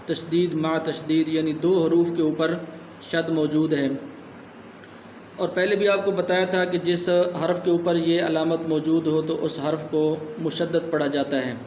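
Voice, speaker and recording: A man teaching a Quran reading lesson, patiently spelling out each word syllable by syllable and repeating it slowly. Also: on the high side, little pitch movement, a little mellow, reverberant, slight background noise.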